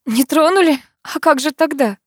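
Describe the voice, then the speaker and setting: A woman's voice: sits high, normal speed, no room sound, studio quality, voice pushed up, lightly acted. Woman playing a frightened, defiant young heroine. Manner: tense, pleading, heightened. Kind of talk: audiobook character voice.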